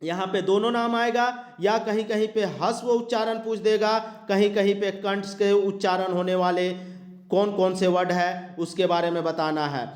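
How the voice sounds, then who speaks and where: A man's voice: sits high, steady tone, normal speed. A man teaching an exam-prep grammar lesson, explaining step by step, repeating terms and drawing out example sounds. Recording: echoey room.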